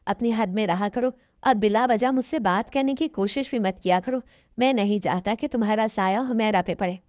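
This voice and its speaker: A woman's voice: medium pitch, moderate pace, a little mellow, no echo, clean studio sound, lightly acted. A woman voicing a scornful husband who taunts his wife in a dismissive, mocking way. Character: scornful husband, a mosque imam, taunting and cold.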